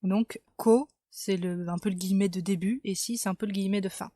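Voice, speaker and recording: A woman's voice: mid-range voice, steady tone, fairly quick, mellow, dry recording. Woman, casual video lesson, chatty, thinking aloud, dry sound. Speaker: language creator explaining her invented language.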